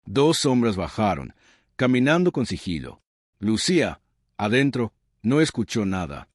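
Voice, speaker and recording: A man's voice: lowish voice, big pitch swings, a little slow, no room sound, clean studio sound. A man reading a dramatic story as narrator, with suspenseful delivery.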